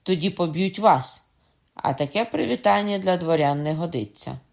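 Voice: medium pitch, moderate pace, lightly acted. An unruffled, mocking innkeeper, voiced by a reader. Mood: calm mocking. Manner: unruffled and sarcastic. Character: calm mocking middle-aged innkeeper. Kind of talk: audiobook character voice.

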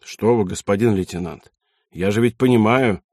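A man's voice: fairly low pitch, normal speed, darkish tone, breathy edge, dry recording. A dutiful corporal, read by a male narrator, reporting to his lieutenant in plain deferential tones. Close, dry studio sound.

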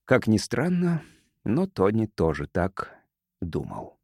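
A man narrating an audiobook in a lively, expressive scripted reading. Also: on the low side, takes it slowly, no room sound, clean studio sound.

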